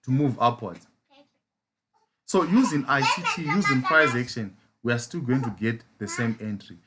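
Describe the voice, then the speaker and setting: A very noisy recording captures a medium-pitched Zimbabwean man with lively intonation and a moderate pace. Speaking Zimbabwean-accented English, this trading mentor explains chart patterns live and keeps posing rhetorical "as a what?" questions.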